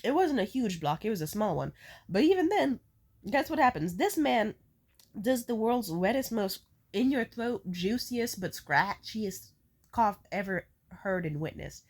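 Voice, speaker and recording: A woman who is sick with a stuffed-up nose rambles casually. She complains with theatrical, animated emphasis and swears freely as she tells her stories. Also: medium pitch, measured pace. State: sick with a cold, congested nose. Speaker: vlogger. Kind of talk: casual rambling storytime chat.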